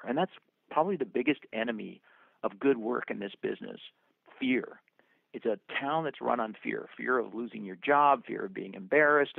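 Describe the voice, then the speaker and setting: A man's voice: mid-range voice, vocal fry, no echo. A man answering interview questions in an earnest, storytelling way, calling up scripture and old poems as he reflects on his working life. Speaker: film producer and actor guest. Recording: dry, tinny phone-line sound.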